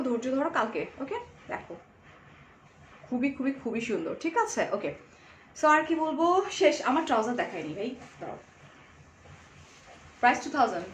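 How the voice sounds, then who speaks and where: A woman, chatting casually on a live stream and selling clothes, slipping English into her talk, her voice going a little hoarse. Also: fairly high pitch. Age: 20s. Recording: echoey room, faint background noise.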